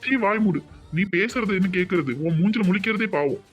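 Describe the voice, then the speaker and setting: A man's voice: sits high, fairly quick, muffled recording, faint music behind, natural voice. A man voicing a stern, angry village father in a cartoon, with a Tirunelveli Tamil accent and a blunt, threatening bark. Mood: furious. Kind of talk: cartoon voice acting.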